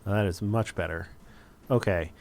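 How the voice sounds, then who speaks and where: Low, gravelly-voiced man narrating gameplay. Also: measured pace, darkish tone, a little hiss or hum. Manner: thinking aloud, wry asides. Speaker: let's play host. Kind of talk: casual gameplay commentary.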